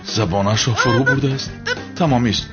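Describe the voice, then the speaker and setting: In a dubbed TV drama, a man with a mid-range, lightly acted voice plays a flustered helper fussing over a girl who has fainted, coaxing her anxiously. The audio is dull, with loud music behind him.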